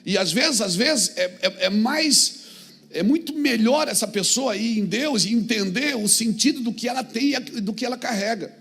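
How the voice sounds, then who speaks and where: High, gravelly preacher man. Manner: preaching, building from calm talk to fervent shouts, calling out to the congregation. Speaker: pastor. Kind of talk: sermon.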